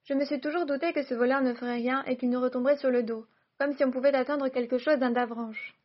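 A woman reading as a sharp, scolding mother. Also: high voice, quick pace, breathy edge, lo-fi sound. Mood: furious. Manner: curt, reproachful delivery. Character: middle-aged mother, sharp, scolding, anxious.

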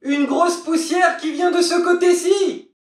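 Young sister on a tower, high voice, calling out loud and slow. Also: male voice, fairly even intonation, echoey room. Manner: high falsetto, calling out from afar. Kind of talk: storybook reading.

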